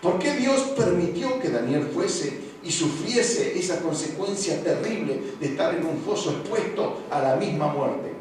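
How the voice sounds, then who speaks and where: A man with an Argentine accent preaching a sermon as pastor, going from hushed passages to loud exclamations. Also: a little high, animated, measured pace, few pauses. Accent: Argentine Spanish. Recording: echoey hall from far off, faint noise.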